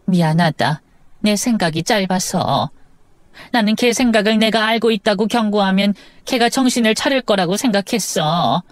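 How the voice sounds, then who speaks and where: A woman's voice: medium pitch, dry recording, natural voice. A woman voicing a remorseful older mother-in-law. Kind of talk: drama audio story.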